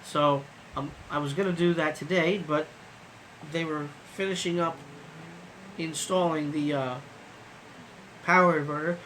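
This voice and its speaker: Trucker streamer, male, tired and yawning, loose chatty delivery with fillers and swearing; voice a bit high, faint noise behind. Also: fairly even intonation, unhurried, long pauses, fairly bright tone, poor audio. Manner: rambling, loose, swears casually, many fillers. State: sleepy, yawning. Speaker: trucker vlogger hosting a live stream. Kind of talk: casual live-stream chat.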